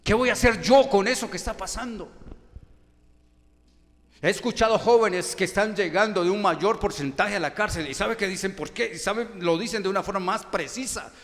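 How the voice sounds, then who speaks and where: Colombian man, pastor, fairly high-pitched, preaching in a ringing church hall with rhetorical questions and swells of volume. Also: normal speed. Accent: Colombian Spanish. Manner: emphatic preaching with many rhetorical questions, loudness rising and falling. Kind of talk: sermon. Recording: long church hall reverb.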